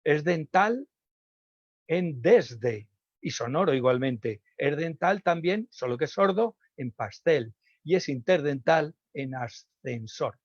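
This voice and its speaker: A man from Spain, a speech therapist giving an online lecture, teaching patiently and slowly sounding out example words. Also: on the high side, lively intonation, no room sound. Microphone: video call. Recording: dull, dry video call audio.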